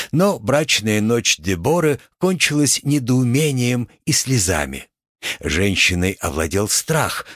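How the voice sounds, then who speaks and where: A man narrating a literary audiobook slowly and expressively, recorded in a studio. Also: on the low side, dry recording. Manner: slow, expressive. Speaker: audiobook reader.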